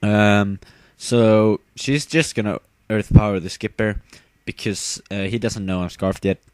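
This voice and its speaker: A man's voice: on the low side, steady tone, unhurried, clean tone, no room sound. A tired young man casually commenting on his own game battle, rambling with fillers and giggling at himself. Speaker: gamer narrating his battle.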